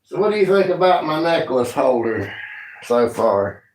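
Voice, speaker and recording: This time the Appalachian livestream host's voice sits on the high side with big pitch swings at a moderate pace. The Northeast Tennessee woodworking maker chats folksily in rural grammar, in an echoey indoor room with slight background noise.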